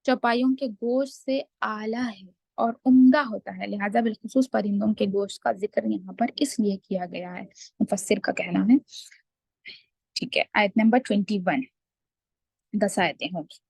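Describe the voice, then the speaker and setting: A woman teaching Quran recitation rules in a class, slow and deliberate, drawing out the recited words and then explaining each rule. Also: mid-range voice, steady tone, gravelly, darkish tone, husky, no echo. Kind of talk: online tajweed class.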